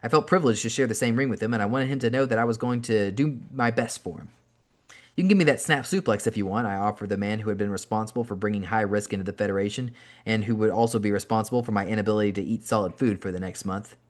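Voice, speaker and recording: A man, the host, reading a memoir aloud as an audiobook, narrating in an animated first-person storytelling style. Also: fairly low pitch, fast talker.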